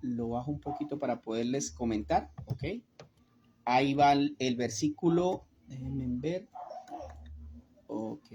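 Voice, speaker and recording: A woman's voice: very deep voice, a little slow, pauses often, dark tone, dull audio, a little hiss or hum. A woman giving an earnest Bible study sermon, speaking to her listeners as brothers and asking them rhetorical questions. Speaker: Bible teacher.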